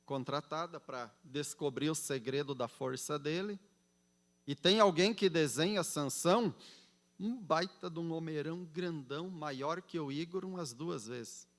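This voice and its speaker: A man preaching a sermon, telling a story with soft asides and loud emphatic peaks. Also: a little high, unhurried. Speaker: pastor.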